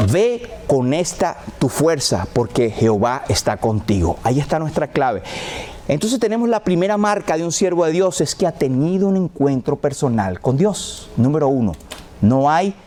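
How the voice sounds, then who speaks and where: A male pastor preaching a sermon, acting out quoted prayers with rising and falling pitch. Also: animated, normal speed, mellow.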